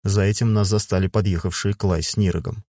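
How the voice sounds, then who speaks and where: In a low voice, a male audiobook narrator reads a first-person fantasy story at a measured, even pace. The recording is dry and close, with no room sound.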